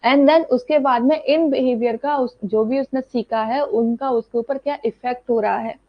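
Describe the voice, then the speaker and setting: A woman's voice: fairly high pitch, steady tone, moderate pace, no room sound. A woman teacher giving an explanatory online lecture, often checking that students follow. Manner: explanatory, repeats "thik hai" checks. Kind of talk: online exam-prep lecture. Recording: dull dry lo-fi sound.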